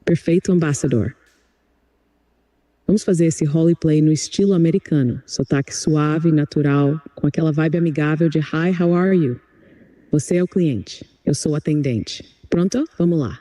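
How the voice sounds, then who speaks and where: A man's voice: on the high side, normal speed, warm tone, dry recording. A computer-generated male voice acting as an English tutor, speaking in an upbeat, encouraging, polished way. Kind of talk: chatbot voice giving an English lesson.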